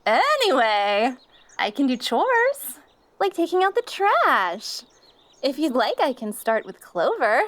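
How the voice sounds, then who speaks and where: A jealous catgirl, with a very high, animated voice. She is possessive and smug, switching between syrupy sweet talk to her darling and catty bickering in an anime-style audio role-play. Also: slow pace, full character voice.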